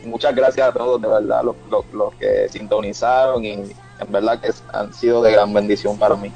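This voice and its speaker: A man from Rico, a guest on a radio show, speaking haltingly with many restarts. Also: fairly low pitch, fairly even intonation, gravelly, darkish tone, faint music behind, low-quality recording. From Puerto Rico. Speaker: guest musician.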